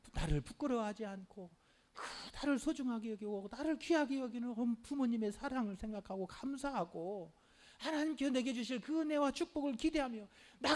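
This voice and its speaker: A middle-aged male pastor delivers an animated sermon, peppering it with hallelujahs and rhetorical questions aimed at the congregation. His voice sits high.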